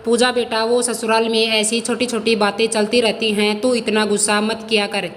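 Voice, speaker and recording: A woman's voice: a little high, flat delivery, normal speed, big-room sound, slight background noise, lightly acted. A woman voicing a doting but complaining older mother in a storybook reading, with a fussy, grumbling manner. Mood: soothing. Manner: soothing, then grumbling.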